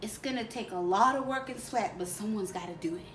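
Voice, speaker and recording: A woman's voice: medium pitch, quick pace, natural voice. A woman playing a boastful salon stylist in a comedy sketch, with sassy, theatrical drag-queen manner and honey-this, girl-that talk. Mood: sassy, bossy. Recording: echoey room with faint background noise.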